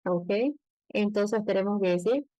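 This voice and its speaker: A woman with a Bolivian Spanish accent, teaching an English pronunciation lesson and slowing down to model phrases. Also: mid-range voice, fairly even intonation, mellow, no room sound, low-quality recording. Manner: explains patiently, slows down to model English phrases.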